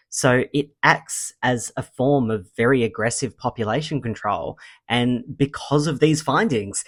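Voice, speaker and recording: A man's voice: mid-range voice, dry recording. A man presents an informal, enthusiastic, sweary science explainer into a small handheld mic. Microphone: small handheld mic held close to the mouth.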